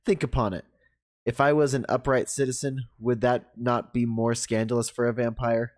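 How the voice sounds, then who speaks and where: A man's voice: mid-range voice, level tone, normal speed, close to an everyday voice. A man playing a detective posing as a grandiose vampire. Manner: grandiose, theatrical declamation. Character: male detective hamming up a pompous immortal vampire. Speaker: detective hero of a story game. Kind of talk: video game voice acting.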